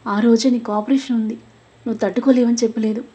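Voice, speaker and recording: A woman's voice: fairly high pitch, fairly even intonation, quick pace, mellow, husky, lo-fi sound. A woman voicing a sorrowful caring elder sister. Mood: grieving.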